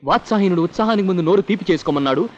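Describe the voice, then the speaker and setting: An actor playing an amorous, hot-tempered young husband who teases and then scolds loudly, in an old film soundtrack with dull sound. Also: male voice, sits high, rapid-fire, a crowd in the background, natural voice. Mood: teasing. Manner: playful then scolding, loud outbursts. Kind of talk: 1990s film drama acting.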